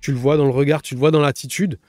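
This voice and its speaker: Man musing on fights, dark dry voice. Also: a little high, steady tone, fast talker, no room sound, faint music behind. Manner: rambling, restarts often, enthusiastic about fighters. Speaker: podcast host. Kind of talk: casual solo commentary.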